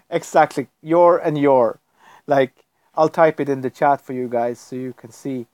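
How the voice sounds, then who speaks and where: A man's voice: on the high side, sing-song, slow pace, darkish tone, dry recording. A man from Norway, chatting casually on a live stream at his computer, rambling and chuckling often. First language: Norwegian. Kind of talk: casual livestream chat.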